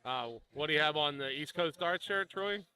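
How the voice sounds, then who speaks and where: A man's voice: a little high, normal speed, sharp tone, clean tone. A man doing casual, informal live darts commentary with some banter between calls.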